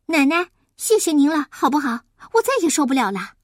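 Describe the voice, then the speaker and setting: A woman voicing a noisy, cheeky little boy who talks high, loud and insistent. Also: lively intonation, measured pace, dry recording, studio quality, full character voice.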